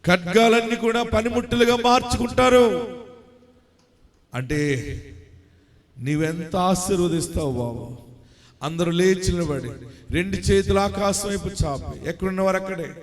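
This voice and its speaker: A man pastor leading an impassioned prayer sermon, often shouting and crying out to the congregation. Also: high voice, measured pace, long pauses. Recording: echoey hall with music underneath. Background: music.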